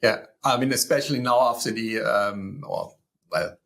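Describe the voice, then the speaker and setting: Gravelly-voiced male interview host. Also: medium pitch, moderate pace, a bit bright. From East Germany. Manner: hesitant, many uhs and repeats. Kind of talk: casual interview chat.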